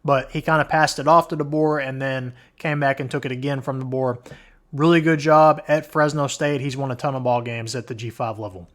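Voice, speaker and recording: A man runs through a college football ranking in a loose, casual way, starting each point with "all right." His voice is wearing out as he goes. His pitch sits in a plain middle range. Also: fairly even intonation, brisk. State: losing his voice. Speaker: host. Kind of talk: college football countdown commentary.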